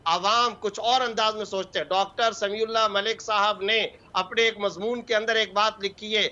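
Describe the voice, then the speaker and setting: A man's voice: high-pitched, fairly even intonation, moderate pace, bright, forceful tone, muffled recording. A man from Pakistan, a mufti appearing as a guest on a TV talk show, delivering fervent religious commentary in short, emphatic bursts.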